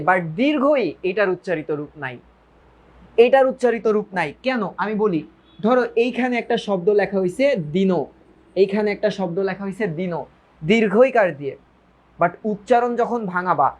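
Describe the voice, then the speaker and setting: A man teaching a grammar lecture, who repeats phrases, asks his students questions and drops English words into his talk. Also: high-pitched. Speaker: Bengali grammar tutor. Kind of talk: online lecture.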